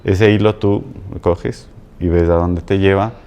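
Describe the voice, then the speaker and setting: Very deep, mellow-voiced man coach. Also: steady tone, slight background noise. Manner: halting, repeats words, ends with "¿no?". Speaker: coach, guest. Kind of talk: casual conversation.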